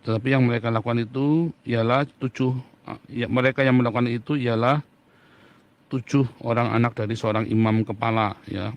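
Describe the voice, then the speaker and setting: A man's voice: mid-range voice, fairly even intonation, a little fast. A middle-aged man preaching a Bible lesson, reading scripture aloud and firing rhetorical questions with mocking imitations. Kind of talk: sermon-style Bible teaching.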